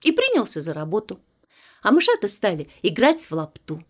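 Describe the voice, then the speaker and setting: A woman narrating a children's fairy tale in an expressive, sing-song way. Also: medium pitch, normal speed. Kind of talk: storybook reading for children.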